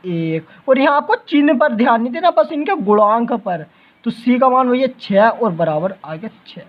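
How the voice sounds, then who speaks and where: A man's voice: very high voice, animated, moderate pace. Guy teaching math, keeps asking the class stuff n answering it himself, dull muffled audio. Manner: quizzes students and answers his own questions. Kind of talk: classroom-style lecture.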